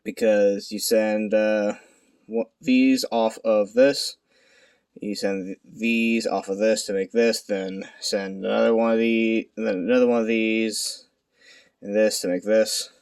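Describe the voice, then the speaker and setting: A young man speaking quietly at night in a hushed tone, giving a casual, unscripted card deck profile in a halting, self-deprecating way. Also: on the low side, little pitch movement, smooth. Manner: halting, self-deprecating, stumbling over words. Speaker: amateur video creator presenting a card deck. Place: at home at night.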